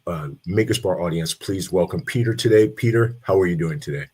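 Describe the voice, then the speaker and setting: Husky low-voiced male podcast host. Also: fairly quick, darkish tone. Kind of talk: interview.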